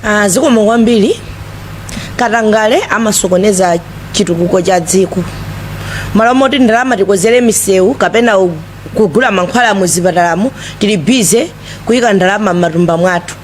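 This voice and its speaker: A woman's voice: medium pitch, brisk. A woman with a Malawian accent making a political appeal at a press briefing. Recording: live recording with vehicle noise.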